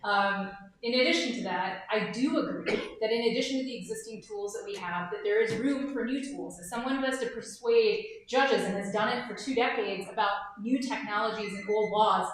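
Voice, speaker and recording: A woman's voice: fairly high pitch, brisk, few pauses. A woman answering a forum question as a political candidate, confident and conversational, speaking to a live audience. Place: event hall with live audience. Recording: echoey room from a distance.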